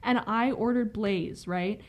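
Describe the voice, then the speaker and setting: A woman's voice: medium pitch, slow pace, lo-fi sound. A young woman co-hosting a podcast, telling a rambling story in casual chat and leaning hard on "like". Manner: rambling storyteller, heavy "like" filler. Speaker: podcast co-host.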